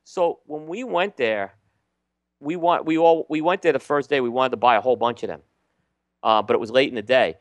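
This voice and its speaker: A man co-hosts a casual podcast, chatting about cigars in a relaxed way with lots of ums and restarts. His voice is medium-pitched and brisk, and the recording has no echo.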